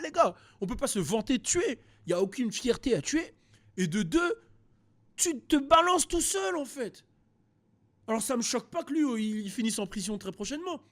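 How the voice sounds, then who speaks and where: A young man from France giving casual, animated rap news commentary, with frequent fillers and restarts. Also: very high voice.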